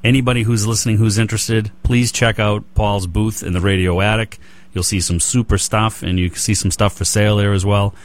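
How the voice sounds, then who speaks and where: A man's voice: fairly low pitch, little pitch movement, brisk. A man with a Boston accent hosting a radio hobby show, chatting loosely with many fillers and restarts. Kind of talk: casual interview chat.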